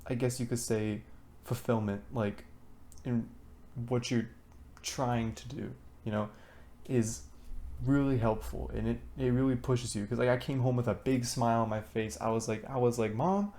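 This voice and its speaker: A man's voice: mid-range voice, little pitch movement, normal speed, dark tone. A teenage boy talking to a camera for his diary vlog, rambling with many fillers and restarts. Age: teens. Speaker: student vlogger. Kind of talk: diary-style talk to camera.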